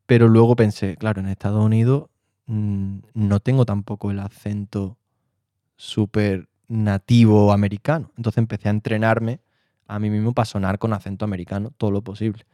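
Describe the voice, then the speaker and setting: A man's voice: on the low side, flat delivery, moderate pace, dark tone, dry recording, studio quality. A man from Spain, an actor and director, telling his story in a casual interview. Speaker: interview guest. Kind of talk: casual chat.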